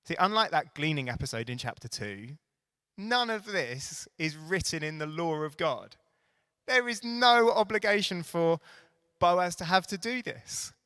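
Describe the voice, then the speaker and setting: A man's voice: a little high, lively intonation, measured pace, pushed and bright, smooth, no room sound. A man preaching a sermon, reading scripture and adding playful asides and emphatic repetition.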